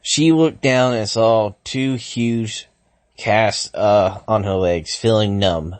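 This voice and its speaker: A man's voice: lowish voice, slow, no echo. A man reading fan fiction aloud, stumbling over words, correcting himself and stopping to react to the text. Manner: stumbling, frequent self-corrections and restarts. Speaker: fanfiction reader.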